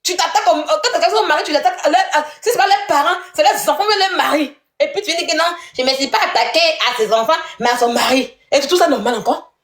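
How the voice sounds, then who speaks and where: A woman with a high voice tears into someone in a heated live-stream rant. Her tone is accusatory and scornful, laced with mocking laughter. The sound is roomy, with a clear echo around her voice. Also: fast talker.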